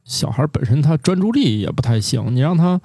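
A man co-hosting a casual science podcast in a relaxed, joking, opinionated way. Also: fairly high pitch, brisk, gravelly, husky, no room sound, studio quality. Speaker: podcast co-host.

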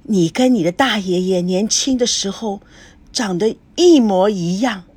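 Elderly grandmother in an audiobook, a woman reading her, tender and coaxing, breathy mid-range voice. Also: a little high, big pitch swings, normal speed.

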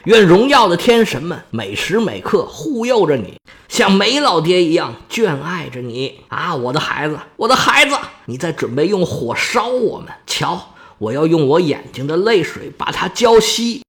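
A man's voice: fairly high pitch, very animated, moderate pace, fairly bright tone. A man voicing a fussy, boastful old Roman official who pleads and brags in a chatty, self-important way, in a Chinese storytelling performance. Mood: pleading.

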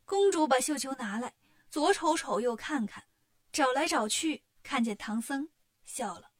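Woman storyteller, children's story, clear, expressive, fairly high voice. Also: unhurried, no room sound, studio quality.

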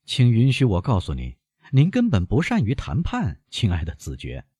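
A man's voice: on the low side, wildly swooping pitch, moderate pace, darkish tone, slightly rough, no echo, clean studio sound, voice pushed up, full character voice. A man reading an audiobook, voicing a genial, talkative male newspaper journalist. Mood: measured. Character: affable male newspaper journalist, amiable then proud. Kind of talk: audiobook character voice.

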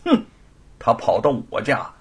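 A man's voice: high voice, huge pitch swings, unhurried, a bit bright, slightly rough, voice pushed up, exaggerated voice. A male storyteller voicing a gloating, cruel middle-aged local tyrant who sneers and blusters. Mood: menacing.

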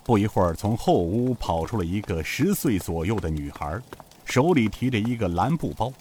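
Lively low-voiced male storyteller. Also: moderate pace, slight background noise. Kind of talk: audiobook novel narration.

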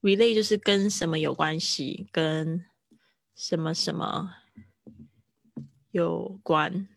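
A woman's voice: on the low side, steady tone, takes it slowly, gravelly, no echo, studio quality. Chatty woman teaching English. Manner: chatty, explains patiently, laughs often. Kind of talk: live-streamed English lesson.

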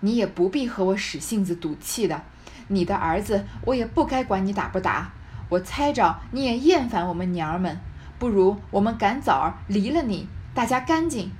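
A woman's voice: fairly high pitch, animated, normal speed, a little mellow, slight background noise, lightly acted. A woman voicing a stern, grieving old grandmother who scolds her son with cold sarcasm. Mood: sarcastic.

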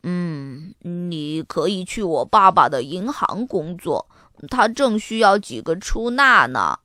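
A woman's voice: fairly low pitch, lively intonation, takes it slowly, pushed and bright, dry recording, studio quality, pitched below the performer's own voice, exaggerated voice. Woman doing a prim, matter-of-fact girl. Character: prim rich girl friend.

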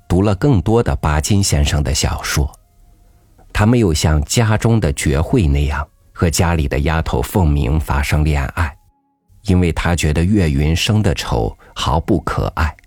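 A man reading a story aloud in a calm, measured storytelling voice. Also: extremely low pitch, no room sound. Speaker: audiobook narrator. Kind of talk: scripted storybook narration. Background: soft background music.

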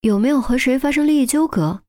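A woman voicing a young, impatient female police detective who is sharp and suspicious. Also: high voice, animated, quick pace, pitched above the performer's own voice. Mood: questioning. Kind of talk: audiobook character voice.

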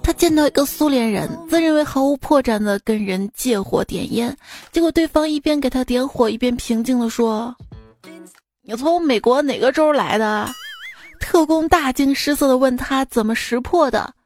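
A woman's voice: high voice, normal speed, darkish tone, faint music behind. A woman hosting a radio joke show, telling jokes casually and acting out the quoted lines, often laughing at her own punchlines.

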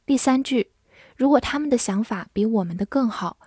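A woman's voice: on the high side, lively intonation, normal speed, a little mellow, slightly rough, no echo, clean studio sound. A woman teaching English vocabulary. She reviews it word by word, saying each word twice and then listing its parts of speech and meanings.

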